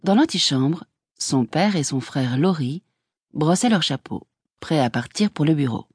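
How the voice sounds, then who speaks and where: A woman narrating a literary audiobook in an even, measured voice. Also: deep voice, husky, dry recording, clean studio sound.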